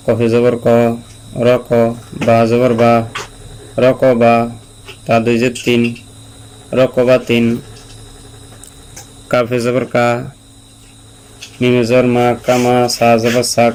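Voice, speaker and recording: A man teaching Quran reading, spelling out syllables slowly and repeating them patiently for learners. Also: mid-range voice, rough recording. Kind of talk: slow spelled-out recitation lesson. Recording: steady mains hum behind the voice.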